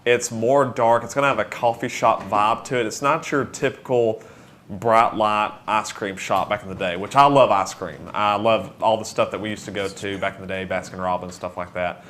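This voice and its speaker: A man, a shop owner, talking about his business in a relaxed, plain-spoken way. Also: fairly low pitch, moderate pace, a little hiss or hum. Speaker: cookie dough shop owner. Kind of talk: casual interview.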